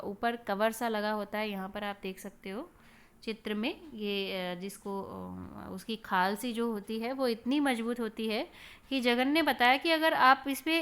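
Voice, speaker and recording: A woman's voice: on the high side, fairly bright tone, clear, resonant tone. A woman telling a children's story in a teacherly way, stopping to explain words and to point to the pictures.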